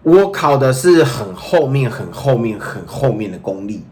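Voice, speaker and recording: A man with a Taiwanese Mandarin accent co-hosting a podcast, telling stories in an animated, playful way with bursts of bragging. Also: medium pitch, measured pace, a crowd in the background. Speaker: podcast co-host. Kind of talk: casual chat.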